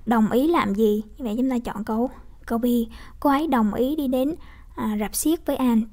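A woman's voice: on the high side, moderate pace, a little mellow. A young woman teacher with a Vietnamese accent working through English exam questions, explaining step by step with frequent tag questions. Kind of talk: exam walkthrough lesson.

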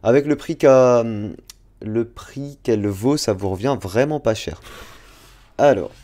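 A man's voice: mid-range voice, unhurried, mellow. A young man, chatting casually to viewers on a live stream while unboxing. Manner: chatty, talks to chat directly. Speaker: drawing streamer.

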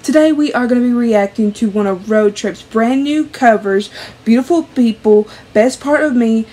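A young woman vlogger gushing excitedly as she reacts to a music video in a small bedroom, with the song playing behind her voice. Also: a little high, normal speed. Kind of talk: casual reaction commentary. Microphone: webcam at close range.

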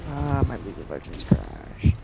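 A man's voice: medium pitch, very animated, normal speed, creaky, loud music behind the voice. A young man chatting casually with friends as a player in a group gaming call.

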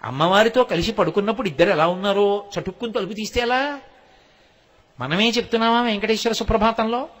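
With a Telugu accent and a high, slightly bright voice, a man delivers a devotional discourse. He tells stories with acted-out quotes and slowly chants verses as a spiritual speaker.

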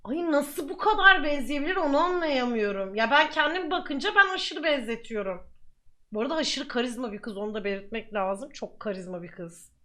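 A young adult woman streamer giving chatty, excitable reaction commentary with lots of exclamations. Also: high-pitched, a little fast.

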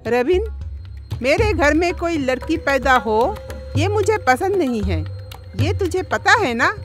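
A woman's voice: high-pitched, expressive, slow, soft background music. A woman voicing Meena, a stern, bossy mother-in-law, in a cartoon story. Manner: bossy, scolding. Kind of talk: cartoon voice acting.

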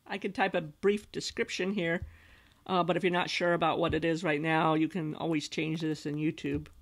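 A woman with a gravelly, fry-edged voice talks through a software tutorial as a screen-capture voice-over. She explains each step patiently and plainly, as an instructional designer would. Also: deep voice, level tone, normal speed. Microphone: voice-over recorded over screen capture.

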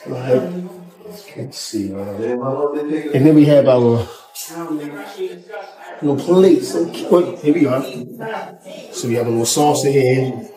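A man in his forties, a guest cook, gives a casual cooking demonstration in a home kitchen, chatting and explaining every step. His mid-range voice is slow with frequent pauses. The low-quality lapel-mic recording picks up crowd noise.

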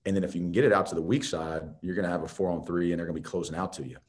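A man with a very deep, slightly mellow voice speaks rapid-fire as head coach at a post-game press conference. His talk comes in loose, conversational runs, with restarted phrases and frequent use of "you know."

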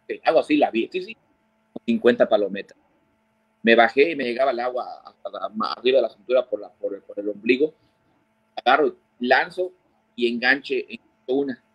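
Lively man telling fishing stories. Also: mid-range voice, moderate pace, husky, dry recording, highs cut off. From Mexico. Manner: animated storyteller who mimics quoted voices. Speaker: guest, fishing guide. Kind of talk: storytelling interview.

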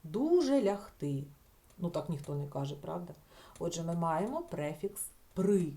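A woman teacher explaining a grammar lesson, patient and slowing down to sound out each example word. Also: lowish voice, dark tone.

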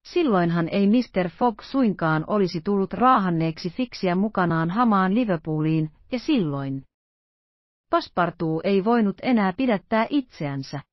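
A woman narrates a classic adventure audiobook in a steady, measured way. Her pitch is middling, and the recording sounds dull and completely dry, with no room sound at all. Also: dry recording.

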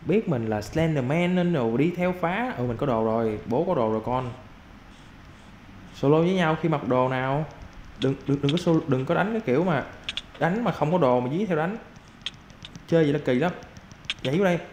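A young man giving casual gameplay commentary as a YouTuber, excitable and quick to yelp and repeat his exclamations. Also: a little high. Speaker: gaming YouTuber. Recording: roomy with faint background noise.

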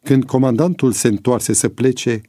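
A man reading a novel aloud with measured, dramatic narration. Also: mid-range voice, warm tone, dry recording.

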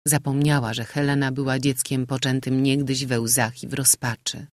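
A man's voice: medium pitch, flat delivery, normal speed, dry recording. Man narrating a novel audiobook, dry sound.

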